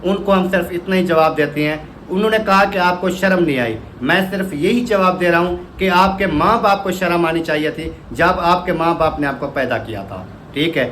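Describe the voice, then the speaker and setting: Vlogger guy talking at you, repeats himself a lot, slightly high pitched, bit of background hiss. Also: a bit bright, poor audio. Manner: direct and repetitive, keeps asking "theek hai?". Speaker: family vlogger. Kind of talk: casual vlog talk.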